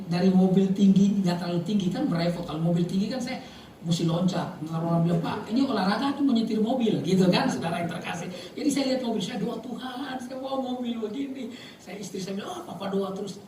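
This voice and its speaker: A man's voice: high-pitched, warm tone, slight background noise. Man preaching in an echoey church. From Maluku, Indonesia. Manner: joking, storytelling, often calls out to the congregation; calls himself somewhat emotional and reactive. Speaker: pastor. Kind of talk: sermon. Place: church hall with congregation. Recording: very echoey hall, voice from far off.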